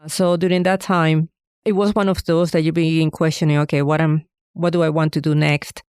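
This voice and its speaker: A woman's voice: low-pitched, flat delivery, a little fast, a little mellow, clean tone, no room sound, studio quality. A middle-aged woman from Venezuela, telling her story as an interview guest in an earnest, reflective way. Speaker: guest, bakery owner. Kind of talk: casual interview answers.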